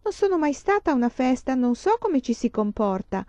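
A woman's voice: high-pitched, sing-song, a little fast, dark tone, no room sound, pitched above the performer's own voice. A woman voicing a shy, unsure fifteen-year-old girl in a storybook reading, lifting her voice to sound young and eager. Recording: dull lo-fi recording.

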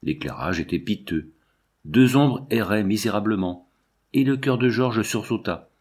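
A man with a low voice narrates a classic novel aloud. His delivery is expressive, with pitch and loudness shifting from phrase to phrase. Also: a little slow, slightly rough. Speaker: audiobook reader. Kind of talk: literary narration.

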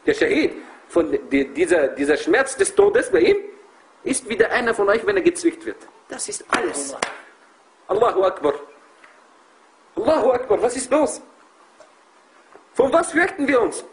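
A man's voice: high-pitched, sing-song, normal speed, long pauses, slight background noise, rough recording. A man preaching passionately to a group of brothers, emphatic and full of rhetorical questions. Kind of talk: impassioned religious talk.

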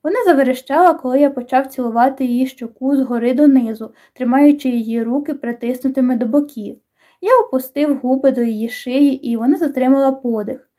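A woman reading an audiobook as narrator, in calm, even scripted narration. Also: sits high, a little fast.

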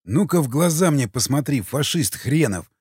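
A man reading the lines of a gruff, menacing cannibal in an audiobook, coarse and threatening, with a lively pitch and a dry sound. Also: moderate pace, dry recording.

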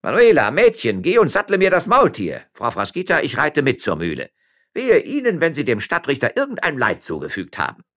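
A man voicing a pompous, blustering mayor who mocks and boasts loudly. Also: mid-range voice, wildly swooping pitch, a little fast, pitched above the performer's own voice. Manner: boastful, mocking, loud bluster. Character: pompous blustering middle-aged male mayor.

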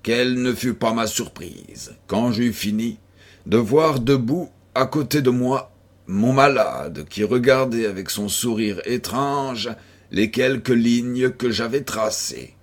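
A man narrating an audiobook in a measured, steady storytelling way. His voice is husky and he reads at an unhurried pace. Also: medium pitch. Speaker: audiobook reader.

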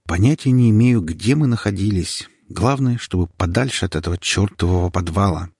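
Man, audiobook narration, steady dramatic telling, low pitch, husky voice. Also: a little fast, no echo, clean studio sound. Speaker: audiobook reader. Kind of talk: first-person audiobook narration.

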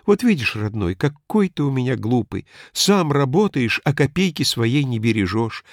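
A man reading a story aloud and voicing a wife who gently scolds her husband in an affectionate, reproachful way. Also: mid-range voice, sing-song, normal speed, no room sound, clean studio sound, pitched above the performer's own voice. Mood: coaxing.

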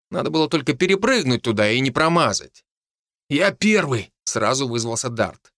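A man narrating an audiobook in the first person, telling it in an expressive, animated way. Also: fairly high pitch, no room sound, studio quality.

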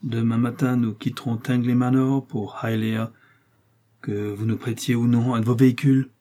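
A man reading aloud and voicing a sharp-tongued, sour young woman with an acid, cutting manner. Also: medium pitch, flat delivery, normal speed, close to an everyday voice. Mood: haughty.

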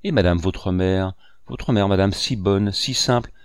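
A man reading a mild, gentle painter. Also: sits low, unhurried, clean tone, no room sound. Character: gentle, surprised older painter.

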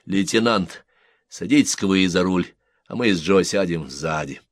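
A man reading the part of a gentle, flustered army sergeant who coaxes a child in a soft, unhurried way. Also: deep voice, no room sound, lightly acted. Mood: resigned.

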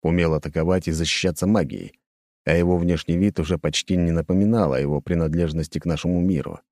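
A man narrating an audiobook in an even, measured way. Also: deep voice, no echo, clean studio sound.

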